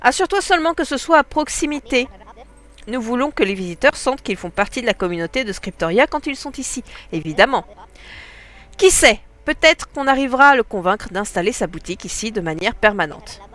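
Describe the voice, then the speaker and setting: A woman's voice: a little high, animated, fairly quick, a bit bright. A woman with a stuffy nose voicing an upbeat, encouraging female game villager, reading the lines aloud.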